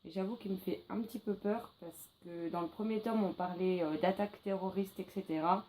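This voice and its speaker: A woman with a French accent presenting a book challenge in a chatty, casual video, often pausing with fillers and correcting herself. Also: medium pitch, steady tone, warm tone, low-quality recording. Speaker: book vlogger.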